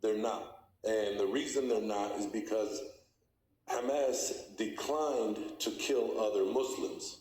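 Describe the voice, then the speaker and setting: A male caller from the West Bank with a low, dark-toned voice. He speaks in a measured, firm manner. The line sounds echoey, with faint noise behind it. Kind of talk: casual call-in debate.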